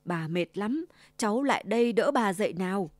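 A woman's voice: mid-range voice, expressive, moderate pace, no room sound, close to an everyday voice. Woman voicing a sly greedy old wolf. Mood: falsely sweet. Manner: growling, and fakes a sweet old grandma voice. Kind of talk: storybook reading.

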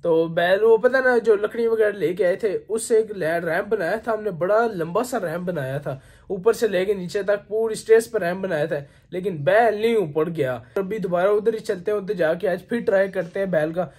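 A man from Pakistan chatting casually to camera in a vlog, excitable and exclaiming often, recorded outdoors on a noisy phone. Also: high-pitched, normal speed. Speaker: vlogger.

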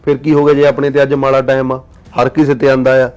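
A man's voice: mid-range voice, flat delivery, a little mellow, highs cut off, lightly acted. A young man playing a student who complains resentfully about his aunt. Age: young adult. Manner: resentful, quick-talking. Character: angry young male student.

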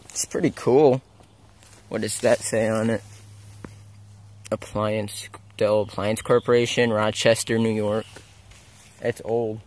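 A man's voice: fairly low pitch, little pitch movement, slow, pauses often. Young man narrating a woodland walk. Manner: rambling, unsure, self-correcting. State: walking while talking. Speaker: explorer filming abandoned sites. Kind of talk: casual walking vlog narration. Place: outdoors in a forest. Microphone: handheld camera mic.

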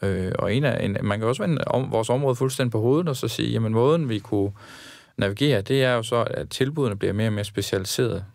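A man from the social care field giving his view in a panel discussion, often stalling and repeating words. His voice is low and gravelly. The recording is close and dry. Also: a little mellow, no room sound. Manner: halting, repeats words while reasoning.

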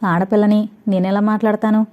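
A woman's voice: mid-range voice, little pitch movement, fairly quick, natural voice. A woman voicing a worried young woman in love who fears her father, speaking in a pleading, anxious way, on dull lo-fi audio.

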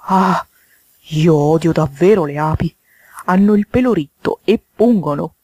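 A woman voicing a greedy, slovenly male toad in a storybook reading, with slow, wheedling speech. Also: on the low side, dark tone, no echo.

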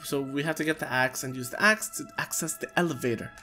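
A man's voice: fairly high pitch, animated, fast talker, sharp tone. A man in his thirties giving casual, jokey gameplay commentary, talking to himself on a close microphone. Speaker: let's player. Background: game music.

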